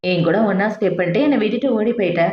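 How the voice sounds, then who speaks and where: A woman's voice: mid-range voice, rapid-fire, lightly acted. A woman voicing a rich young male hero, speaking in a firm, reassuring way. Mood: insistent. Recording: echoey, dull lo-fi room.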